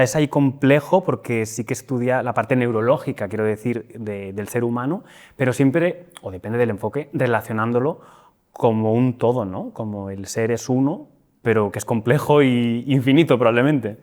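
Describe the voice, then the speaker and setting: A man's voice: medium pitch, darkish tone. A man from hosting an interview podcast, talking in a chatty, enthusiastic and rambling way. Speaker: podcast host. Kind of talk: interview host.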